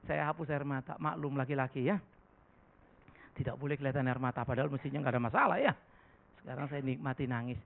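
A middle-aged male pastor preaching a sermon, telling stories in an animated way with sudden emphatic outbursts. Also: mid-range voice, fast, vocal fry. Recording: tinny phone-like recording.

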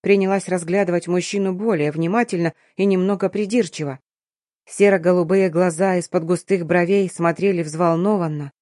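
Measured first-person audiobook narrator. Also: medium pitch, darkish tone, no echo, clean studio sound.

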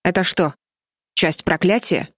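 Brief: woman doing an earnest boy, unhurried and gentle, storybook. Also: fairly low pitch, dry recording, studio quality.

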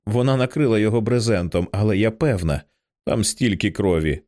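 A man's voice: on the low side, a little fast, close to an everyday voice. Man playing a panicked young woman crying for help. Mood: shaken. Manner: shouting, panicked.

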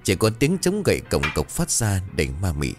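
Male horror storyteller, deep, highly expressive delivery. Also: a little fast, music in the background. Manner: dramatic, suspenseful. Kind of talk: scripted horror story narration.

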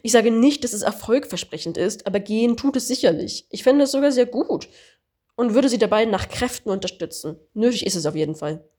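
A woman doing an amateur audiobook reading in a plain, even manner. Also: a little high, fairly quick. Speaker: audiobook reader.

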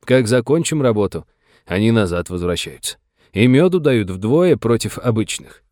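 A man voicing a gruff folksy old settler. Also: lowish voice, lively intonation, moderate pace, a little mellow, no room sound, clean studio sound, close to an everyday voice. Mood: earnest. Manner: folksy, blunt, scolding. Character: gruff older male Russian settler.

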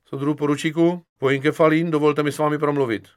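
A man's voice: a little high, flat delivery, noisy background, voice pushed up, natural voice. A man voicing a cheeky, stubborn young army private who speaks with stiff formality. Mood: insistent. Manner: earnest, mock-formal, insistent.

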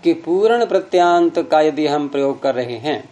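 Man, grammar teacher, slightly high voice, patient step-by-step explaining. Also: lively intonation, moderate pace, mellow. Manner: patient, step-by-step explaining, repeats key terms. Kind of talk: explaining grammar rules with examples.

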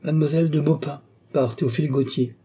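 A man's voice: mid-range voice, normal speed, warm tone, breathy edge, close to an everyday voice. A man voicing a frivolous young count, smitten and distracted, answering absently in a narrated story. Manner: dreamy, absent-minded replies.

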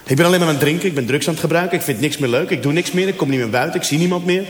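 Male comedian telling a story on stage, kinda high voice, big echoey theater sound, acts out all the lines. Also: very fast. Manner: storytelling, acting out dialogue with shifting voices. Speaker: stand-up comedian. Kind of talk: stand-up comedy routine. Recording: echoey hall, audience laughter.

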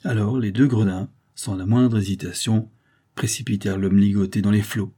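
A man reading a classic adventure novel aloud as an audiobook narrator, in a measured, dramatic way. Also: fairly low pitch, fairly even intonation, dark tone, breathy edge.

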